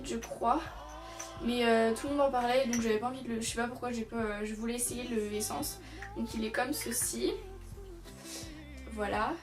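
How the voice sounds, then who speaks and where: A young woman chatting casually through a shopping haul, rambling with many fillers and restarts. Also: a little high. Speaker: beauty vlogger. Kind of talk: casual haul video chat. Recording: distant from the mic, music behind. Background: music.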